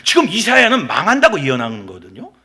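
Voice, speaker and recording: A middle-aged male pastor preaches in a church sanctuary, his fairly high voice swooping widely in pitch. His tone is bright and forceful. He fires off rhetorical questions and drops abruptly from loud exclamations into soft, confiding asides. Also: wildly swooping pitch, quick pace. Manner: emphatic, swinging between loud exclamations and quiet asides; acts out quoted voices and asks rhetorical questions. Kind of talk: sermon.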